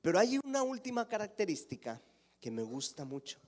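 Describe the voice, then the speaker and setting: A male pastor preaching a sermon, asking the congregation questions and swinging between emphatic raised lines and hushed near-whispers. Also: high-pitched, big pitch swings, a little fast.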